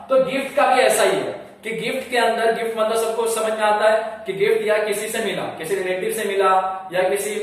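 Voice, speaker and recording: A man with a fairly high voice lectures like a teacher, firing off questions and answering them himself and repeating each point. He is heard from a distance, with the sound bouncing around a very echoey room. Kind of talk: classroom lecture. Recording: echoey room, mic far off.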